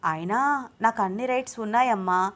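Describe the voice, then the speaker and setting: A woman's voice: a little high, moderate pace, fairly bright tone, natural voice. Teasing, pushy young husband, read by a woman in a storybook; coaxing tone, ordinary talking voice. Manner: teasing, coaxing, calls his wife babe. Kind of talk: storybook reading.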